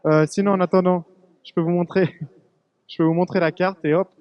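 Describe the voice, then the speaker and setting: A man's voice: high voice, level tone, a little fast, clear, resonant tone, lo-fi sound. A young man reporting live from a busy fair hall, chatty and joking. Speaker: field reporter.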